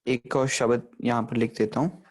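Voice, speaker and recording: A man teaching the pronunciation of scripture in a recorded lecture, explaining slowly and repeating each word. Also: mid-range voice, little pitch movement. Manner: explains slowly, repeats words, often asks "theek hai". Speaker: Gurbani grammar teacher.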